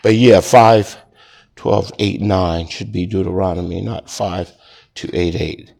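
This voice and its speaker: A man preaching as a pastor in a Bible study, talking slowly with many fillers and self-corrections. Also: low-pitched, fairly even intonation, vocal fry, darkish tone.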